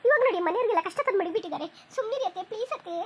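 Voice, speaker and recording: Performer doing a shrill young daughter-in-law. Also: lively intonation, racing, a little hiss or hum. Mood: pleading. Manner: pleading, repetitive.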